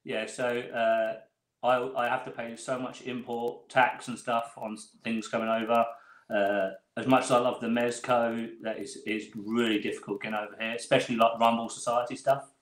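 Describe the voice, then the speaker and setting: A man's voice: medium pitch, little pitch movement, moderate pace. Englishman with a roomy echo. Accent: southern English. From England. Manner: laughing, rambling storyteller. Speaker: guest toy photographer. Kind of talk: casual chat.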